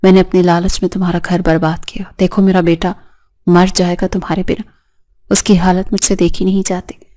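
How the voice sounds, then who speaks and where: A woman reading a frail, repentant elderly mother-in-law in a storybook drama. She begs in a weak, trembling voice. The tone stays low and dark. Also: flat delivery, close to an everyday voice. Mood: begging.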